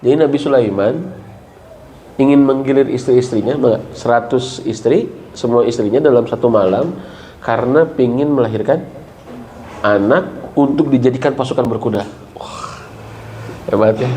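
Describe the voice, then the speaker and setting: A middle-aged man with a Sundanese accent giving a lively Islamic parenting talk, jumping up in pitch for emphasis and often checking with his listeners. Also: unhurried, long pauses, slight background noise. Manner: animated, leaps high in pitch for emphasis, asks the audience questions. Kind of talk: lively religious study talk.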